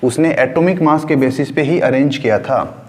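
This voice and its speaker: A man's voice: medium pitch, normal speed, a little mellow, long reverb tail. A man teaching a school science class. He explains with everyday examples, repeats his key points and asks questions, then answers them himself. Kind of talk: classroom lecture.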